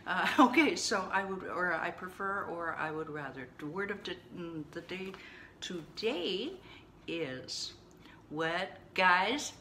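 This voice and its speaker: A woman with a bright, forceful voice talks casually to her viewers, coaching them with blunt tough love and chatty asides. Her voice sits a little low in pitch, and a faint hiss of noise stays behind her. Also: expressive, takes it slowly, low-quality recording. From Canada. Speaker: vlogger and coach. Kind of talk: casual talk to camera.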